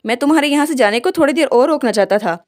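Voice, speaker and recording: A woman's voice: high-pitched, lively intonation, fast talker. Woman reading as a stiff awkward duke. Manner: hesitant, formal.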